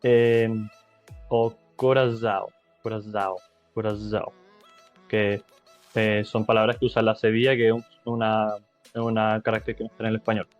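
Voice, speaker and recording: Young dude from chile doing a casual tutorial, lots of ehs and restarts, music faint in the back. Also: male voice, on the low side, monotone, fairly quick, clear, resonant tone, lo-fi sound. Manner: hesitant, many fillers and restarts. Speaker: language tutor.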